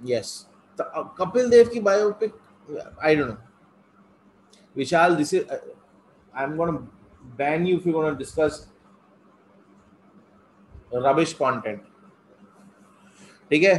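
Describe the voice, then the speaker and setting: Male online tutor, North Indian accent, slightly high voice, conversational Hindi-English code-switching, noticeable background noise. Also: animated, a little fast, pauses often, poor audio. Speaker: test-prep teacher. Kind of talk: live online lecture, conversational.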